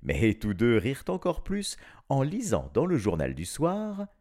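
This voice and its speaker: A man reading a children's story aloud in a playful, animated way, with chuckling asides. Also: medium pitch, measured pace.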